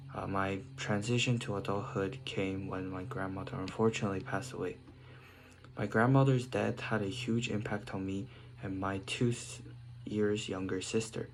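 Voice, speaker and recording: Reading his prepared essay in short phrases, a South Korean teenage student occasionally slips and starts over. He has a lowish voice, and slight background noise can be heard.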